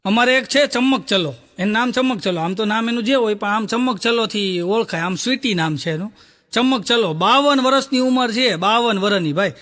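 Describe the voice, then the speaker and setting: A man's voice: sits high, normal speed, fairly bright tone, slight background noise. A man telling stand-up comedy stories in a sing-song, repetitive way. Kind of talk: stand-up storytelling.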